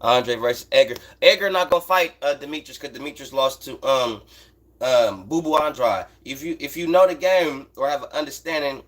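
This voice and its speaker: Speaking at normal speed with a medium-pitched voice, an American man hosts a boxing livestream and answers his chat in casual, unscripted commentary. His style is blunt and emphatic, packed with profanity and slang, and he repeats himself for emphasis.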